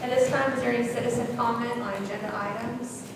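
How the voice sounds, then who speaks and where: A woman chairing a school board meeting, running the agenda briskly with joking asides. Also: on the high side, steady tone. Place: large meeting room. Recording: echoey hall from far off, noisy.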